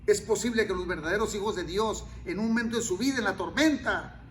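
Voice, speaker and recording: A male pastor preaching a sermon, dropping to near-whispers and then rising to loud, pleading cries. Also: high-pitched, fairly quick, slight background noise. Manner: swings from quiet murmurs to loud cries.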